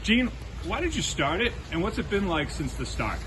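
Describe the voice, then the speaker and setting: Higher-voiced man reporting amid outdoor noise. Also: sing-song, normal speed, a bit bright. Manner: jokey, theatrical. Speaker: on-location reporter. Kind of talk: on-location event reporting and interviewing. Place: outdoors at a rainy, windy waterfront event. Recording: noisy outdoor location sound.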